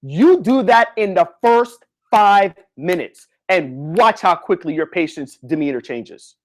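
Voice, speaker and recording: A man who is a physical therapist, giving a live online lecture in a slangy, animated way, talking straight to his listeners. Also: high-pitched, measured pace. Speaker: physical therapist coaching students.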